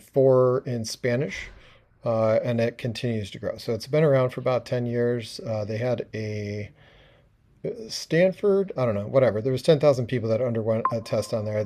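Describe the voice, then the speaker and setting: A man speaks in a relaxed, conversational way, pausing often with small fillers. His voice sits low and sounds mellow and warm. It comes through the kind of microphone used on a video call. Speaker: webinar presenter. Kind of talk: casual educational talk.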